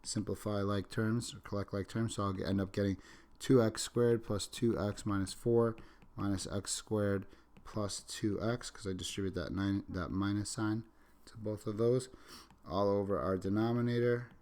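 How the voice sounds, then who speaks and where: In this recorded calculus lecture, captured on a microphone, a math teacher works through the steps aloud as he writes, pausing to correct himself now and then. He's sick and sniffling; his fairly low voice is steady, a little mellow, and moves at normal speed.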